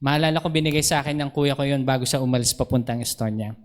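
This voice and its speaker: A man's voice: mid-range voice, fast. A male pastor with a Filipino accent, preaching a storytelling sermon at a church service, laughing often and acting out dialogue. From Philippines.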